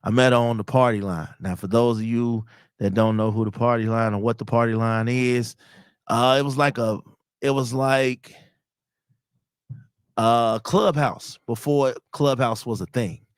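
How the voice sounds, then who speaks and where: A man's voice: mid-range voice, fairly even intonation, measured pace, clean tone, dry recording, studio quality. A man in his thirties from telling personal stories in a casual, slangy, conversational way as a podcast host. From Chicago, United States. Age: 30s. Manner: conversational, slangy, acts out quoted dialogue.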